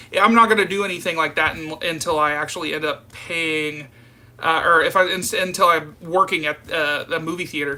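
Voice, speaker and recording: A man from the southern United States, early 30s, hosts a live stream where he casually rambles through viewer comments and refers to his audience as "you guys." His pitch is fairly high, and his voice comes across as pushed and bright.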